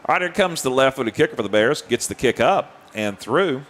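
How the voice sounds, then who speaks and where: A man calling high school football play by play, winded, laughing and chatty. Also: fairly quick. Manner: excitable, laughs often, chatty. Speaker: play-by-play announcer.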